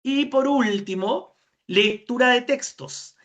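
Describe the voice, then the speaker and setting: A woman's voice: on the high side, slow pace, lo-fi sound. Woman, Chilean accent, speech therapist, webinar lecture, explanatory, poses and answers her own questions. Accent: Chilean Spanish.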